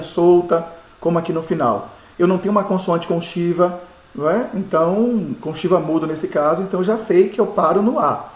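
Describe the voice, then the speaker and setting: A man teaches a lesson, his voice a little high. He goes step by step and keeps checking that his students follow. The room around him is echoey. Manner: patient, explains step by step, asks rhetorical checks. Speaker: pastor teaching biblical Hebrew. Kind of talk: classroom-style lesson.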